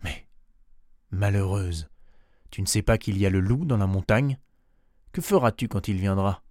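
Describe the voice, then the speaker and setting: A man's voice: normal speed, no room sound, clean studio sound, close to an everyday voice. A man doing a fretful old goat farmer. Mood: pleading. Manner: pleading, exclaiming, louder and higher than the narration.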